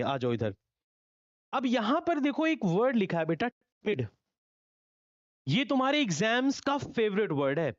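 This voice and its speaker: A young man teaching vocabulary in a lively class, repeating key phrases and quizzing his students. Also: high-pitched, dry recording, muffled recording. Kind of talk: lively online classroom lesson.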